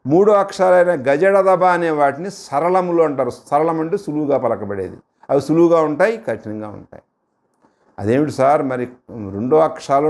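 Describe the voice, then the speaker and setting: A middle-aged man teaching a grammar lesson with a Telugu accent, sounding out syllables slowly and stretching each one. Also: on the high side.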